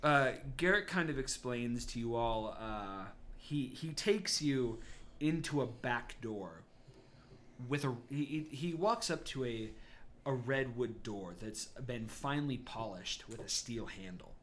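A man's voice: medium pitch, expressive, measured pace, fairly bright tone, slight background noise. A man narrating a tabletop game as game master, laid-back, swearing and laughing often.

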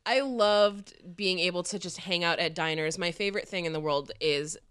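A woman's voice: lowish voice, normal speed, fairly bright tone, clear, resonant tone. A woman in her thirties, a comedian guest on a podcast, talking with enthusiastic nostalgia and casual swearing. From Wisconsin. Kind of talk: casual chat.

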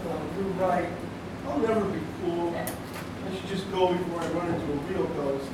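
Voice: medium pitch, fairly even intonation, moderate pace, close to an everyday voice. An actor playing a nerdy, cowardly teenage boy with an anxious, dramatic manner in a comedy sketch. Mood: panicked, sorry. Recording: echoey, noisy, far from mic.

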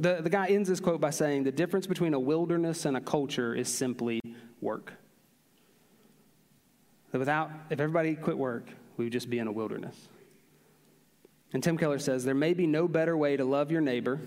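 A man preaching a sermon, telling stories with an animated, drawn-out emphasis. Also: fairly high pitch. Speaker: pastor. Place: large church hall. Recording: long reverb of a large hall.

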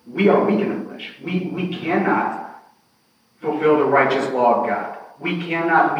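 Man, class participant in a church Bible discussion; halting, searching speech full of restarts, heard from a distance in a very echoey room. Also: mid-range voice, a little hiss or hum. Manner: halting, searching, with many restarts, reads scripture aloud.

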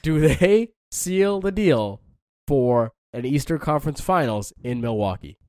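Male sports-show host, energetic, mid-pitched voice, dry close mic. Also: a little slow, no echo. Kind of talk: casual sports talk.

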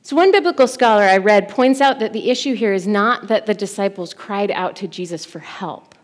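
A woman in her thirties preaching a sermon, telling the story expressively and swinging from urgent to hushed. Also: mid-range voice, normal speed.

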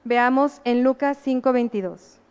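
Earnest woman preacher, smooth voice. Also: a little high, unhurried, a little mellow, in a large hall, muffled recording. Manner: earnest, asks the congregation rhetorical questions. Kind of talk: sermon.

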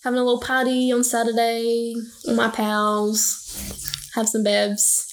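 A woman's voice: a little high, completely flat delivery, measured pace, a little hiss or hum, low-quality recording. A woman in her early twenties with an Australian accent, chatting casually in a playful, slangy way as a podcast co-host. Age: early 20s. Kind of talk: casual chat.

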